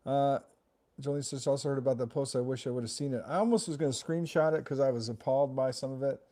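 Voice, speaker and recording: An earnest man with a mellow, dark-toned voice co-hosts a casual livestream chat. He speaks with sympathy and reads viewers' comments aloud. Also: mid-range voice, fairly even intonation, quick pace. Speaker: co-host.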